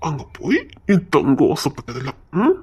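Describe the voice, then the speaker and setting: A woman doing a soft, doting young husband. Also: low voice, wildly swooping pitch, moderate pace, breathy edge, voice pushed down, full character voice. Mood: tender. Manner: soft, affectionate, murmuring. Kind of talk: audio story role-play.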